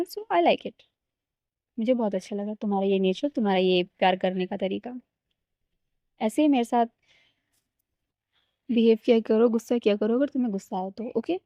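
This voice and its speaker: A woman's voice: fairly high pitch, mellow, no echo, lightly acted. A woman storyteller voicing an affectionate, pleading young woman who coaxes earnestly in her everyday voice. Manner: earnest, coaxing, mixes English phrases. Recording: slightly dull lo-fi recording.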